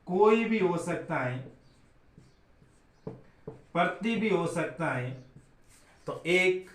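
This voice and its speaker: A man's voice: sits high, reverberant. A man from India teaching a grammar lesson, asking his own questions and answering them.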